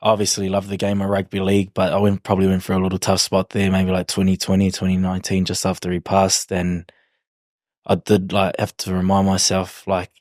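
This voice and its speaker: A man's voice: low voice, completely flat delivery, fairly quick, a little mellow, no echo, studio quality. A man in his twenties with a broad New Zealand accent, chatting casually in an interview in a laid-back, slangy, hesitant way. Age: 20s. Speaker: rugby league player, podcast guest.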